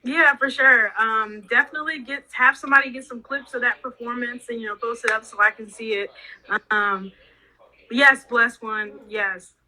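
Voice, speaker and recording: A woman's voice: on the high side, fairly even intonation, normal speed, sharp tone, poor audio. A young woman hosting a casual podcast interview, rambling loosely with lots of "like". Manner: rambling, heavy use of "like". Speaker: podcast host.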